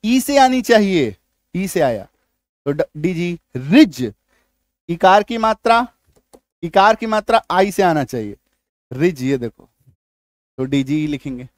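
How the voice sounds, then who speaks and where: High-voiced man teaching, many check-ins. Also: very animated, takes it slowly, long pauses, dry recording, clean studio sound. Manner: repeats checks like "ठीक है?" and "आया समझ में?" often; patient, step-by-step explaining. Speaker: English teacher. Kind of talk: spoken spelling lesson.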